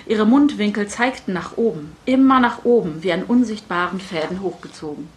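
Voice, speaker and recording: A middle-aged female author reads her own prose to a live audience in a wry, deadpan manner with a self-mocking edge. Her voice is even and mid-range, at a moderate pace.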